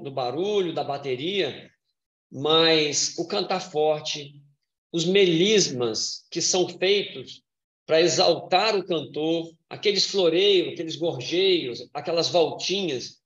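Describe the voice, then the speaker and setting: A man with a somewhat high voice gives a church lecture, reading scripture aloud and then explaining it. He speaks in a measured way with hesitant fillers. The sound is roomy and a little dull. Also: fairly bright tone.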